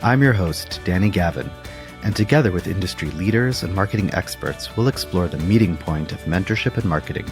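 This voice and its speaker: A man's voice: deep voice, expressive, a little fast, over music. Upbeat male podcast host. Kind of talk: scripted intro then interview questions.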